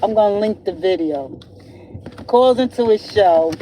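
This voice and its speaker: A woman hosts her podcast in an unhurried, rambling solo chat, breaking into laughter as she tells stories. She records from the driver's seat of a car. A faint hum of road and engine noise sits under her voice. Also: medium pitch, poor audio. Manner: laughs often, rambling and animated storytelling. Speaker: podcast host. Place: in a car while driving. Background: faint road and vehicle noise.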